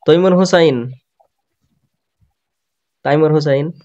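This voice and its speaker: A man teaching tajweed in an online class, patiently repeating words slowly for students to copy. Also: fairly high pitch, darkish tone, lo-fi sound. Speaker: Quran recitation teacher. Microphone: video call.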